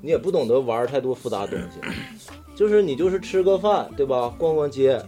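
A man with a Northeastern Chinese accent tells casual stories among friends. His voice is mellow and moves animatedly up and down, with earthy slang and the odd swear word. Faint music plays behind him. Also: medium pitch, animated, fast. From Daqing, northeastern China. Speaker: talk show storyteller among friends. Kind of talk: casual chat, personal anecdotes.

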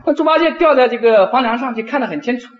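Lively high-voiced male lecturer. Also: muffled recording. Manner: animated storyteller, frequent drawn-out particles. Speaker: university professor. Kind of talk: lecture with storytelling.

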